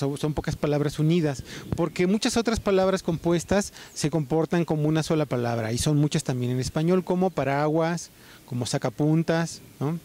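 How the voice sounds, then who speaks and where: Patient, soft-toned Mexican man teaching. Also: on the high side. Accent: Mexican Spanish. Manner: patient and explanatory, with frequent "este" and "eh" fillers. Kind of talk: spoken writing lesson.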